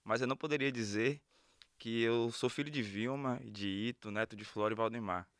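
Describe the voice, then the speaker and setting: A man's voice: medium pitch, fairly even intonation, normal speed, fairly bright tone, clean tone, no room sound, clean studio sound. A man, a sociology professor and guest on a podcast, speaking in an earnest, reflective way. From Salvador, Brazil. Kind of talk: casual podcast conversation.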